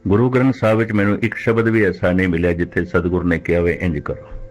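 A man preaching a religious discourse in a measured, deliberate way, slowing right down when he quotes scripture. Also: sits low, fairly even intonation, a little hiss or hum. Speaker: Sikh preacher.

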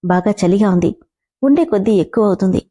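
A woman's voice: mid-range voice, lively intonation, fast, mellow, natural voice. A woman voicing an anxious, hurt young wife who pleads uneasily, in a spoken storybook.

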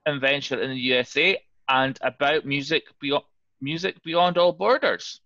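A man's voice: on the high side, normal speed, sharp tone, dry recording. A man facilitating a video call meeting, friendly and a little flustered as he works through names. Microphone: computer mic on video call. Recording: dull lo-fi video call audio.

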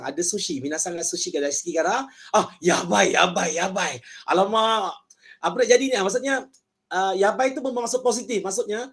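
Playful man teaching Japanese. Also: a little high. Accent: Malaysian. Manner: playful, joking, drills words by repetition. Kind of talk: online language class.

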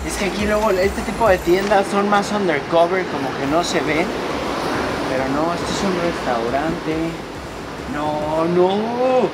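A man, chatting excitedly to a handheld camera while traveling and walking. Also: sits high, unhurried, very noisy. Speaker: toy collector vlogger. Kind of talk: casual travel vlog. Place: train, streets and small toy shop.

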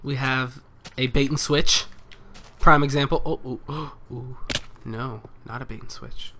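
A man's voice: medium pitch, fairly even intonation, a little slow, bright, forceful tone, a little hiss or hum. A man commenting casually and jokingly on his own gameplay, talking to the animals and monsters on screen. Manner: playful, jokey, talks to animals and mobs. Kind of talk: casual let's play commentary.

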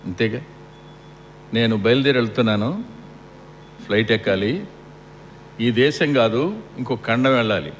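Middle-aged male preacher at a funeral, mid-pitched voice, rhetorical and repetitive, long hall echo. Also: expressive, a little slow, pauses often. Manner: asks the crowd rhetorical questions and repeats for emphasis. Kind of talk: funeral sermon. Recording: long hall reverb with faint air-conditioning hum.

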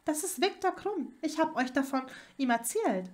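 Casting: aufgeregte junge Hexe, von einer Frau gelesen, hohe lebhafte Stimme, Hörbuch. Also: female voice, high voice, sing-song, moderate pace, voice pushed up. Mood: excited. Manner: eager, surprised. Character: excited young witch, schoolgirl. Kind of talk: fan fiction audiobook reading.

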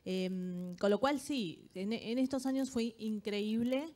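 A woman's voice: a little high, slow pace, mellow. A woman speaking as an expert panelist at a live conference. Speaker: audience specialist, panelist. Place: large auditorium stage, indoors. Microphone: handheld microphone.

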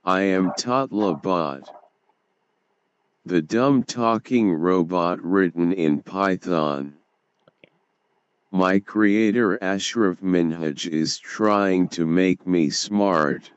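Casting: a cheeky chatbot robot, synthesized machine voice, very low and slow, dry lo-fi computer audio. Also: male voice, clear, resonant tone. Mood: deadpan. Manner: flat, clipped machine speech with blunt replies. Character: dumb talking robot chatbot, male, cheeky.

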